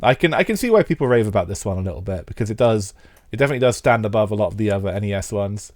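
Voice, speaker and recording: Talking at a racing pace in an animated, lowish voice, a man with a stuffy head cold rambles to live viewers as he plays an old racing game. The sound is clean studio quality with no echo.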